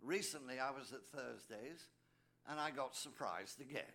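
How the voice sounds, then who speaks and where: An older Englishman, a priest, telling his own story to a recovery meeting in an anecdotal way. His pitch sits in the ordinary middle for a man, and he slips joking asides to the audience into the testimony. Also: moderate pace, gravelly, bright, forceful tone. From England. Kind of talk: personal testimony speech.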